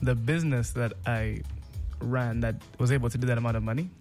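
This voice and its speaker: A man's voice: medium pitch, fairly quick, faint music behind. A young man from South Sudan, a fashion entrepreneur, talking casually as a radio guest. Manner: relaxed, casual, laughs easily. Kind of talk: radio interview.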